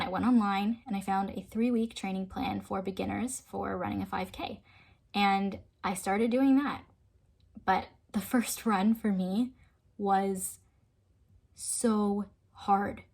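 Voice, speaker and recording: A woman vlogger telling a personal story in an earnest, emotional way, sometimes dropping to a soft hush. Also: medium pitch, steady tone, a little slow, creaky. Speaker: fitness vlogger.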